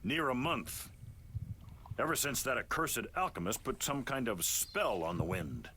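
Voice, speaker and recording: A sarcastic gruff sailor. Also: male voice, mid-range voice, sing-song, a little slow, pushed and bright, slight background noise, full character voice. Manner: dry, heavily sarcastic. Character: gruff sarcastic male sailor, merchant captain. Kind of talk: video game voice acting.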